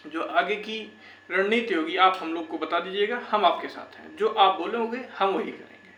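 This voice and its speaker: A young man with a high-pitched, sharp-toned voice hosts a YouTube channel for exam candidates, giving viewers informal advice at a normal speed. He's recorded in an echoey room with faint background noise.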